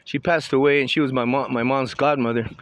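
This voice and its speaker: A man's voice: medium pitch, steady tone, fairly quick, low-quality recording. A man in his sixties from Southern California, chatting in a rambling, opinionated way with many restarts as he walks around a town outdoors. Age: 60s. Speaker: vlogger. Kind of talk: casual walking commentary. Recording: outdoor street noise with passing traffic.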